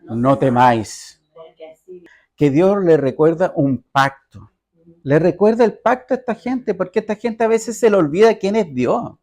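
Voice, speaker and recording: A man preaching a conversational sermon in a church, reading scripture slowly and often checking in with the congregation. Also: high-pitched, animated, dark tone. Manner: reads scripture aloud with slow emphasis. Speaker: pastor.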